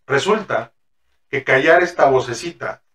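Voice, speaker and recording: A therapy podcast host with a Mexican Spanish accent chats loosely, swears freely, and reenacts talks with his patients. His medium-pitched voice is fairly bright and a little slow. A far-off mic picks him up amid a roomy echo.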